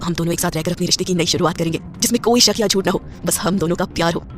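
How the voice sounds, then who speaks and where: A woman voicing a composed, proud young businessman in a spoken audio story, in a slightly lower, quieter voice. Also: expressive, rapid-fire, soft background music, natural voice. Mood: thoughtful.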